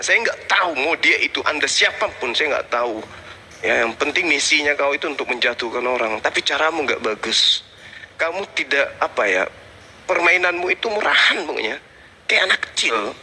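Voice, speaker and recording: Angry host, high shrill voice, furious threatening tirade. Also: male voice, animated, normal speed, pushed and bright, a little hiss or hum. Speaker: debate channel host. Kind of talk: angry livestream rant.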